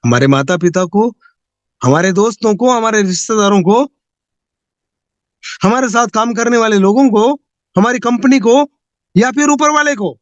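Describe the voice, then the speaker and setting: A man with a high-pitched voice gives a motivational talk, piling up rhetorical questions in a preachy, pleading tone. The recording is dry and close, with no room sound. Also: dry recording. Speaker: network marketing motivational speaker. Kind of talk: motivational speech.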